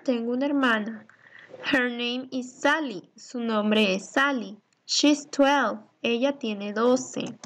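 A woman teaching children in a recorded English lesson, with a slightly high voice and an unhurried pace. She reads each English line and then translates it, and patiently asks questions that she answers herself.

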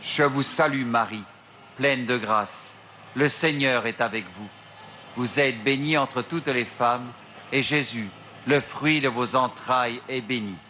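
Middle-aged priest reciting prayers slowly. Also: male voice, mid-range voice, pushed and bright, slight background noise. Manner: slow measured prayer recitation. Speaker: priest leading the rosary. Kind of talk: slow recited prayer and meditation. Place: outdoor rock grotto shrine. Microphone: stand mic at a lectern.

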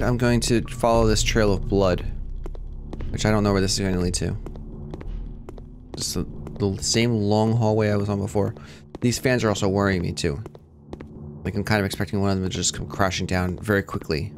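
A man commenting on a horror game as he plays, jumpy and joking, talking back to the characters on screen. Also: lowish voice. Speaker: let's play gamer. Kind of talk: playthrough commentary. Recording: game music playing behind. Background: clear game music.

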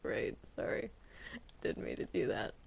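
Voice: a little slow, a little hiss or hum, close to an everyday voice. A performer voicing Bendy's hesitant, put-upon cartoon ink demon in an improvised game roleplay, stammering and complaining. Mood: sulky, meek.

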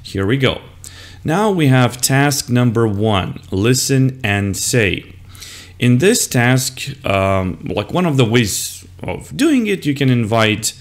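An older man, an English teacher, talks other teachers through a slide lesson step by step, modelling the words and answers as he goes. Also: fairly low pitch. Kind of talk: screen-recorded lesson walkthrough. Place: indoors at a computer.

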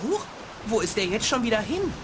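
Earnest, expressive young boy. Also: a little high, a little fast, very noisy. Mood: relieved, musing. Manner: innocent, expressive. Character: polite, earnest, naive young boy adventurer. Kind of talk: video game voice acting.

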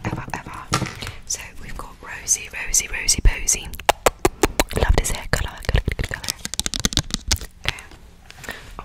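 A young woman whispering close to the mic in a fast, aggressive ASMR style, rambling playfully and repeating words rapidly as triggers. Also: low-quality recording. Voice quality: whispered, unvoiced. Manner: playful, chatty storytelling. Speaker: ASMR creator. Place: room at home, indoors. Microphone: large desktop condenser microphone, close up.

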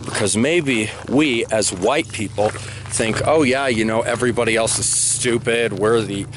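Background noise surrounds this lowish male voice as a young American films himself outdoors on a walk, camera in hand at arm's length and held low. His monologue is opinionated and blunt, and he keeps insisting on and repeating his points beneath the open sky.

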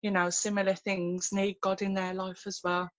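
A woman, sharing her faith story on a video call from home, earnest and halting with many fillers and restarts. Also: medium pitch, level tone, dry recording. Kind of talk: personal testimony in a video call. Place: small room at home, indoors. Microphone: laptop webcam on a video call.

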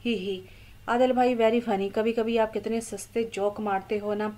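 A woman reading as a bubbly, teasing young girl in an audio novel, chattering away with playful drama. The voice is mellow and warm. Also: fairly high pitch, fairly even intonation, normal speed, natural voice.

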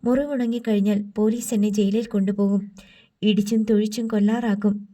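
A woman's voice: medium pitch, fairly even intonation, fairly quick, warm tone, natural voice. A woman reading the part of a wounded young male prisoner, bitter and defiant, in an audiobook. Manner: pleading then vowing revenge. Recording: slightly distant from mic.

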